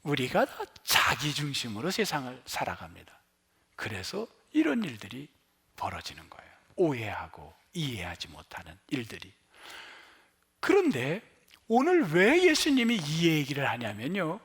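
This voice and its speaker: A middle-aged male pastor preaching a sermon, often asking the congregation questions and answering them himself, sometimes dropping to a low hush for emphasis. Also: slightly rough.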